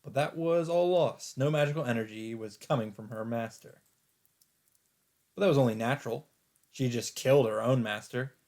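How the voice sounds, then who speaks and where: Reading the on-screen lines of a visual novel, a man in a let's play gives expressive, theatrical narration at a medium pitch, with measured pauses and background music underneath.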